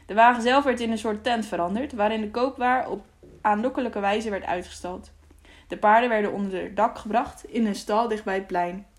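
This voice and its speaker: A woman narrating an audiobook with steady, clear storytelling. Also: mid-range voice, moderate pace.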